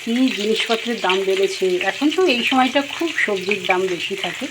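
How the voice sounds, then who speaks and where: A woman's voice: medium pitch, fairly quick. Chatty middle-aged woman over kitchen frying. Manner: chatty, homely, rambling with fillers. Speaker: cooking vlogger. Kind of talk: casual home vlog chat. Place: home kitchen, indoors. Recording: home recording with frying noise.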